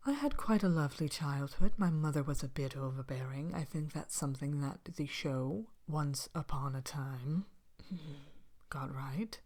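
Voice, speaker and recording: A woman playing a vain, haughty evil queen in an ASMR fairy-tale roleplay, speaking softly with languid, droll, hesitant pauses and some whispering. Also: sits low. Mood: wry, chatty.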